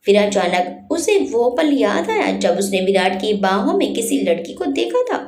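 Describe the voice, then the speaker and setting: A woman narrating a dramatic story in an expressive, melodramatic reading. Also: medium pitch, normal speed, reverberant.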